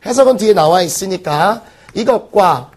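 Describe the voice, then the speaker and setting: A man teaching an exam-prep English lesson, firing quick rhetorical questions at the class. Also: high-pitched, expressive. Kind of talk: recorded exam-prep lecture.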